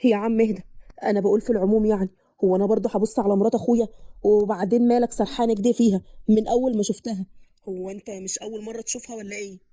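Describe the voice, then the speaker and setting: A defensive young village groom, as a woman narrator puts him on, speaking in a lowered, grumbling voice with an Upper Egyptian accent. The delivery is fast and the sound is dry. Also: fairly even intonation, mellow, no echo, natural voice. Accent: Upper Egyptian Arabic.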